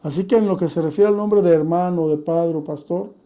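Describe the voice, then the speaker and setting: A man teaching in a measured sermon style, steadily citing scripture verses as he explains. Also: a little high, warm tone, muffled recording.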